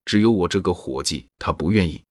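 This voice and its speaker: A ruthless young swordsman villain, voiced by a male reader sneers through his boasts. The voice sits deep and a little husky. The sound is dry and close. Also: brisk, dry recording. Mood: cold mocking.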